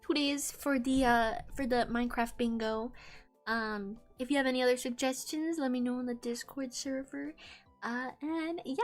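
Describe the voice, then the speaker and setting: High-pitched cute, bubbly woman streamer. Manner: animated, playful, giggly. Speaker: streamer hosting a live debut stream. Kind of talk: casual livestream chat. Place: indoors at a home computer setup.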